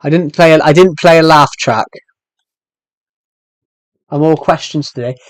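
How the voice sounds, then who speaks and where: A young British man in his twenties with a thick accent chats on a game stream in a voice on the high side, speaking at a measured pace. Answering viewers' questions, he rambles and restarts his sentences. The audio has no room sound.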